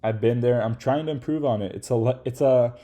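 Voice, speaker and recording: A man giving casual, slangy advice to aspiring creators in a relaxed lecture, swearing now and then and tossing in "like" and "right?". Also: medium pitch, a little fast. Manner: laid-back, slangy, swears casually, peppers speech with "like" and "right?".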